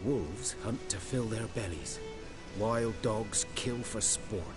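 An actor playing a grim, world-weary village huntsman in a fantasy video game, speaking in a rustic, deliberate, bitter way. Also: on the low side. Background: loud game music.

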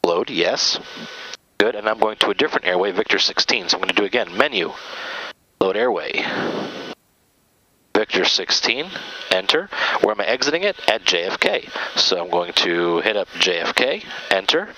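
A man with a low, bright voice talks casually through his cockpit tasks step by step. He is a pilot hosting a vlog in a small aircraft, with faint noise behind him. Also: very animated, moderate pace, rough recording.

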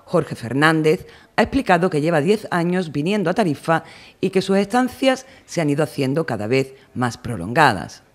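A male reporter narrates a news piece from a script. His voice sits a little higher than most men's, and the delivery is that of a formal television voice-over. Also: sing-song, moderate pace.

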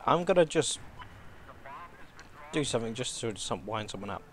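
A man's voice: medium pitch, expressive, moderate pace, slight background noise. A man chatting casually while playing a shooter game with friends. He teases and jokes, swears often, and talks into a headset. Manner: jokey, teasing, swears often. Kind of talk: casual gaming commentary.

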